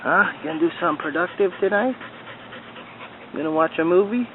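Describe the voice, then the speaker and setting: Filming his dog on a handheld camera in the back yard, a man talks to it in playful, coaxing baby talk with a fast, high voice. The camera audio is tinny and lo-fi, with faint outdoor noise.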